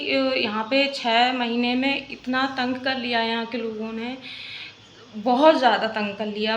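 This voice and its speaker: A woman's voice: a little high, fairly bright tone. A young woman in a casual vlog, venting at length in a rambling, aggrieved way and often tagging questions at the listener. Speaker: vlogger, mother. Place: rented room at home. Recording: echoey room, faint background noise.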